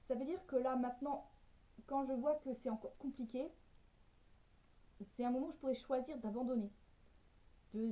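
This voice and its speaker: A woman's voice: on the high side, warm tone. A French woman talking through a casual personal vlog, hesitant and stumbling over her words, on poor sound. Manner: hesitant, stumbling, laughs now and then. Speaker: personal development coach and writer.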